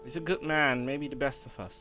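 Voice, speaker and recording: A man's voice: mid-range voice, steady tone, fairly quick, pushed and bright, faint music behind. A man giving casual let's-play commentary, chatting to himself as he plays. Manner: chatty, talks to himself over the game. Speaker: game streamer.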